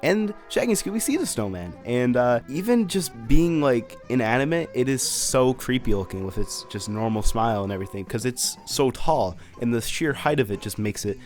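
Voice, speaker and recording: A young man hosting a casual cartoon commentary, animated and emphatic with slangy asides. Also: medium pitch, normal speed, hardly any pauses, soft background music. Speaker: cartoon reviewer, channel host.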